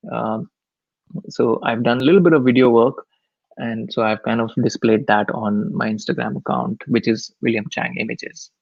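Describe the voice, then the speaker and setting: A man's voice: medium pitch, steady tone, normal speed, creaky, slightly rough, no echo, muffled recording. A man with an Indian accent speaking casually and candidly as a guest on a live stream, self-effacing in manner. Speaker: photographer and teacher, webinar guest.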